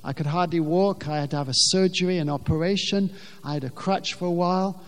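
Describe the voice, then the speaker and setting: Brief: male preacher, high voice, emphatic, repeats words for weight, long hall echo. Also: a little fast, slight background noise. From England. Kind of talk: sermon. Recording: long reverb of a large hall.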